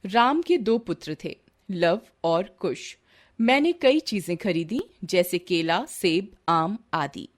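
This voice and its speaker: A woman reading a grammar lesson aloud in a slow, deliberate textbook manner. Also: fairly low pitch, animated. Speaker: teacher.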